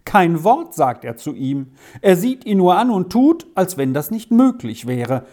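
A woman voicing an excited, defiant young boy who speaks in breathless, indignant outbursts while reading a storybook aloud. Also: fairly low pitch, unhurried, pitched above the performer's own voice. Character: agitated young boy Lex, hot-tempered and defiant.

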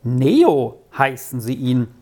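A woman doing a calm lady companion. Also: extremely low pitch, slow, voice pushed down, heavily acted.

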